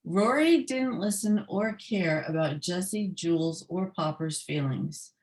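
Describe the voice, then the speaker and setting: A woman's voice: on the low side, measured pace, a little mellow, poor audio. A woman reading her children's book aloud on a video call, adding short explaining asides.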